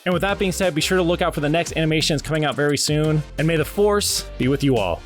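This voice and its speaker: A man with a voice on the high side talks fast, with faint music behind him. He hosts his own animation channel, rambling casually and informally about how he makes his videos.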